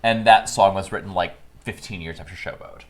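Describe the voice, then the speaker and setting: A man co-hosting a casual podcast chat, telling stories in an animated way and laughing often. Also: sits low, brisk. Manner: animated, chatty storyteller who laughs often. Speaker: podcast co-host.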